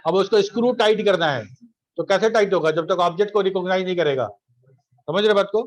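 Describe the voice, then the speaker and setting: A man's voice: high voice, fast talker. A middle-aged man, giving an online college class in a conversational way, repeating phrases and checking that students follow. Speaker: college lecturer.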